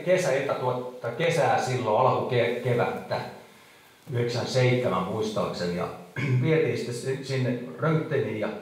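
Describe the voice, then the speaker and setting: A middle-aged man preaching and telling a personal testimony in a halting, emotional way, with many fillers. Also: medium pitch. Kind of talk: testimony sermon. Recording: echoey hall from far off.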